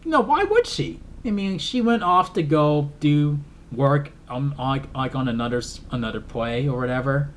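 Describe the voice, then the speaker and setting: A man's voice: medium pitch, normal speed, a little hiss or hum. A man giving a casual film review, retelling the plot in a rambling way with lots of fillers and emotional asides. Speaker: movie reviewer.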